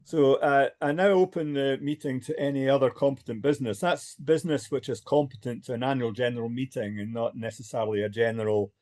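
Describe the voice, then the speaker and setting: A man's voice: medium pitch, steady tone, brisk, hardly any pauses, darkish tone. An older man chairing an online meeting, hesitant with many fillers.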